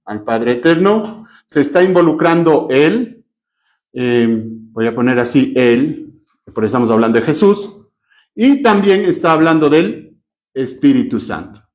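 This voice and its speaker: A man's voice: medium pitch, lively intonation, unhurried, darkish tone. A man with a Cuenca Ecuadorian accent teaching a Bible class, questioning his students and spelling out terms as he writes on a board. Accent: Ecuadorian Spanish, Cuenca.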